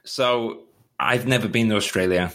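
Low-pitched, rambling male podcast host. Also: normal speed, fairly bright tone. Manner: chatty, rambling, self-deprecating. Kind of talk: casual interview chat.

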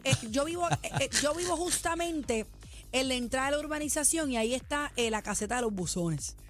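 A woman with a Puerto Rican accent co-hosting a radio show, telling stories in a lively, self-mocking way. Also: high-pitched, a little fast, faint music behind. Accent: Puerto Rican Spanish. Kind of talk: casual radio banter.

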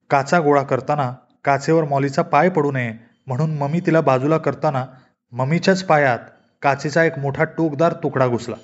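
A man narrating a comic short story in a steady, expressive storytelling manner. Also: mid-range voice. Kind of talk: storybook reading. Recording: dull lo-fi recording.

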